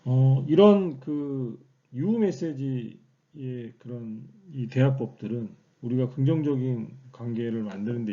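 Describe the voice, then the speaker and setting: A man's voice: medium pitch, creaky, mellow, dull audio. A man teaching a recorded online class, explaining step by step with frequent fillers and rhetorical questions. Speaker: lecturer.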